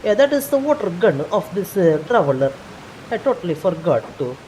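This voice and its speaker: Streaming a game, a woman puts on a French accent to play a proud, self-styled great male magician, chatting casually and pompously. Her low-ish, warm voice is very animated and brisk, and the low-quality recording carries a little hiss or hum.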